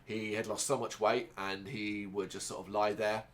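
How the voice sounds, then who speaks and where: A man who grew up in Ireland, talking through a casual personal monologue in a rambling, halting way, with many restarts and fillers. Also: fairly low pitch, flat delivery. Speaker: podcast host.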